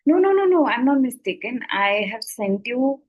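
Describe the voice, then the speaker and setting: A woman's voice: medium pitch, measured pace, phone-quality sound, lightly acted. Woman acting pushy Indian male phone scammer. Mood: insistent. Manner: pushy, over-familiar. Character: insistent, falsely familiar male phone scammer, father's friend. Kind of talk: acted anecdote in a talk.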